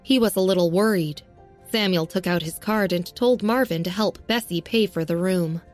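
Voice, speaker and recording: A woman narrating a serialized audio story in a steady, even reading. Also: lowish voice, normal speed, soft background music.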